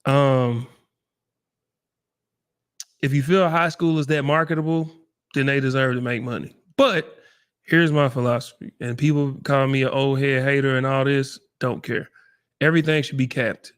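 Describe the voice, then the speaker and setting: A middle-aged man hosting a casual livestream chat, talking in a relaxed, encouraging, folksy way. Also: medium pitch, normal speed, long pauses, clear, resonant tone. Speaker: livestream host.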